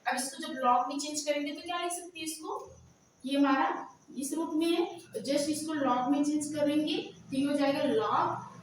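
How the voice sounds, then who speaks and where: A woman teaching a math lesson who keeps asking questions and answering them herself, drawing out formulas slowly as she dictates them. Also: sits high, steady tone, a little hiss or hum. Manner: slow, drawn-out dictation of formulas. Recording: very echoey room, voice from far off.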